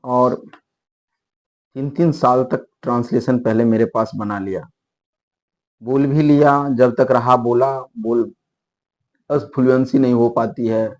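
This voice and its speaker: A man's voice: medium pitch, fairly even intonation, takes it slowly, long pauses, darkish tone, highs cut off. A man teaching spoken English in a casual, rambling lecture, explaining with frequent restarts and asides. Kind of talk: spoken English lesson in Hindi.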